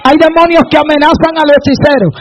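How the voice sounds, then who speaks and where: A woman preacher delivering a fervent sermon, often breaking into shouted praise. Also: high voice, fairly even intonation, fast, highs cut off.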